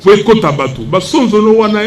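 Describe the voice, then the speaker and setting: An older Congolese opposition politician from the Democratic Republic of the Congo, whose first language is Lingala, answers a press conference question indignantly and emphatically, switching between French and Lingala. His voice sits high but has a darkish tone, and he speaks at a quick, animated pace.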